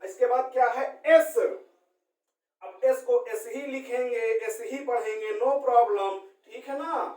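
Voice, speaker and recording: A man's voice: very high-pitched, a little mellow. Man teaching in an echoey room. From India. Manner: keeps checking in with listeners, repeats key points and spells out letters slowly. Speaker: shorthand teacher. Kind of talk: classroom-style explanation. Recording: roomy sound from a distant mic.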